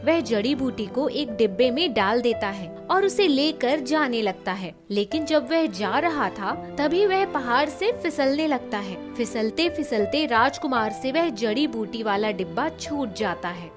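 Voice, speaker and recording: A woman with a high-pitched voice narrates a children's fairy tale in a scripted storytelling style, with music clearly audible behind her. She's expressive and keeps a measured pace, leaving hardly any pauses.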